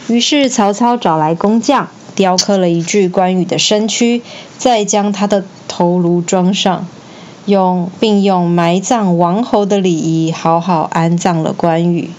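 Brief: woman storyteller, mid-pitched, clear expressive read-aloud for kids, dull recording with faint hiss. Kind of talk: children's story narration.

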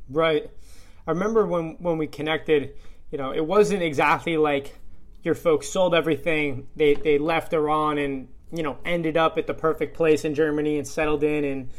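A man's voice: fairly high pitch, fairly even intonation, normal speed. A man hosting a podcast in a casual interview, earnest and rambling with many fillers. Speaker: podcast host.

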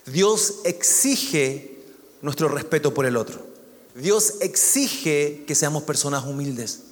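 High-voiced pastor preaching. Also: male voice, expressive, slow pace, big-room sound. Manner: conversational preaching with humor, asides to the congregation. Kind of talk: sermon.

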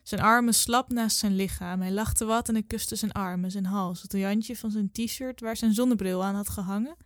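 A woman in her twenties reading her own literary story aloud in a calm, measured way. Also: mid-range voice, dry recording, studio quality. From Netherlands. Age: 20s.

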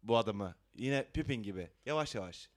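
Playful, lively-voiced male host. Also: fairly low pitch, brisk, a crowd in the background. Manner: playful, teasing, laughs often. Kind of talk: casual panel chat.

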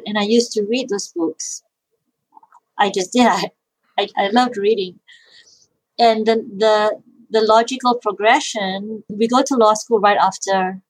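Appearing as an interview guest, this middle-aged woman from Malaysia, an IP lawyer who founded a social enterprise, responds with care, restarting and repeating words along the way. Her voice sits in the mid-range, and the recording is dry and of poor quality.

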